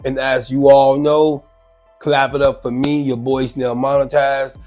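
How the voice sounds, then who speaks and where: Over soft background music, a man with a mid-range voice speaks unhurriedly as host of his own show. Congested and sick, he comments loosely and animatedly on a news clip, chatty and prone to repeating himself.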